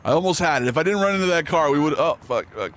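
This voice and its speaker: A man's voice: fairly high pitch, lively intonation, quick pace. A man chatting casually and laid-back while live-streaming a game. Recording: game and car noise underneath.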